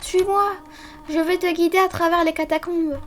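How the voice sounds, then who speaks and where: A gentle, motherly guardian of old ruins who speaks softly and slowly, as a woman puts her on. The voice stays high and light, quieter than the streamer's own talk. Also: fairly even intonation, a little hiss or hum. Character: gentle motherly goat-monster guardian, older female. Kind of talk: reading game dialogue aloud in a put-on voice.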